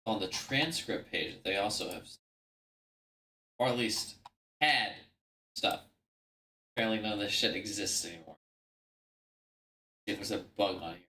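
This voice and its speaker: A man's voice: on the low side, normal speed, long pauses, pushed and bright, a little hiss or hum. A man giving casual, foul-mouthed reaction commentary as the host. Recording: roomy echo, distant mic, background chatter.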